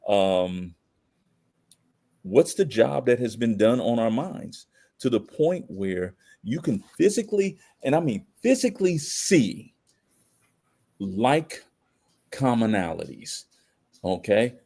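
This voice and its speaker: This American podcast guest speaks slowly in a mellow, medium-pitched, sing-song voice with long pauses. His conversational commentary is opinionated, emphatic, and full of slang, with frequent rhetorical questions.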